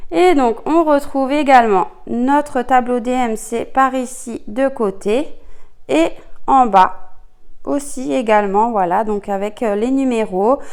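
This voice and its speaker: Woman, casual crafts vlogger; slow, slightly high voice, lots of fillers and hesitations. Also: darkish tone. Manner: chatty, hesitant with many fillers, gushing over colours. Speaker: cross-stitch vlogger. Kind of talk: casual product unboxing chat.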